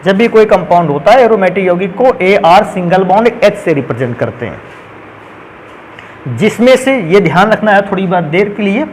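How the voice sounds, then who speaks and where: A man's voice: sits high, animated, moderate pace, a little hiss or hum, low-quality recording. A man teaching a chemistry lesson who keeps asking his students questions and answering them himself, speaking. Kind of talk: classroom lecture.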